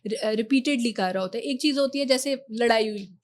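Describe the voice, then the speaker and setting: Woman, podcast guest, fairly high voice, measured explanations, hesitant fillers, mixes in English. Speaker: guest expert on relationships. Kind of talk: podcast interview.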